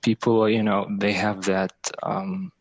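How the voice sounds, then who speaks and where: A man from Algeria calling in to a show, excited and halting, with many fillers, on dull lo-fi call audio. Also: on the low side, gravelly, dry recording. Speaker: caller. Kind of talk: call-in conversation.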